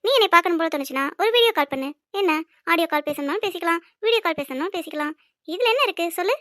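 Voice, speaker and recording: A woman's voice: extremely high pitch, animated, very fast, pushed and bright, no echo, clean studio sound, full character voice. A woman voicing a playful, bossy young woman in a cartoon, teasing and coaxing her friend. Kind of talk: cartoon voice acting.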